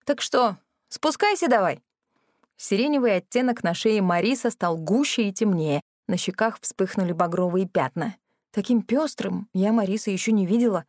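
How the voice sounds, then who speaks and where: A woman's voice: mid-range voice, moderate pace, darkish tone, dry recording, clean studio sound. A woman narrating a comic fantasy audiobook in the first person, wry and sarcastic.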